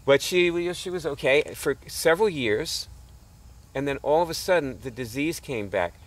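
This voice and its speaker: A man's voice: on the high side, expressive, moderate pace. A middle-aged man telling a rambling story in a casual lecture, chuckling often and filling his talk with fillers and restarts. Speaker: nonprofit founder teaching alternative healing.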